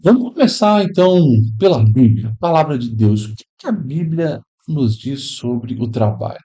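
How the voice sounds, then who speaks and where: An upbeat man hosts a faith podcast, greeting listeners in a warm, welcoming, churchy way. He's a pastor with a medium-pitched, expressive voice and a warm tone, speaking at normal speed from an improvised room at a pastors' convention.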